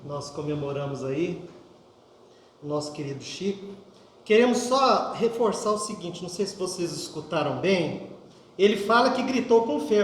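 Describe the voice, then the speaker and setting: A man's voice: sits high, slight background noise. A man hosting a religious talk, reflectively repeating key phrases for emphasis. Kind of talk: religious talk commenting on a clip. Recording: echoey hall with long reverb.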